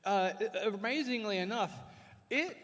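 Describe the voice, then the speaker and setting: A man runs a live panel, chatty and loose with fillers as he eats. His voice sits high, and it rings out with the long echo of a big convention hall. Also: expressive, moderate pace, noisy background. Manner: chatty, filler-heavy, talking while eating spicy chips. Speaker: panel presenter.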